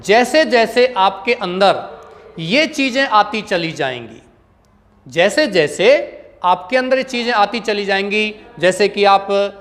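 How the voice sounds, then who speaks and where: A man gives a slow, unhurried English lesson, pausing over each point and quizzing his students with repeated questions. His voice rings with a long echo, as if he is recording in a bare hall. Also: high voice, lively intonation, fairly bright tone. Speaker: English teacher.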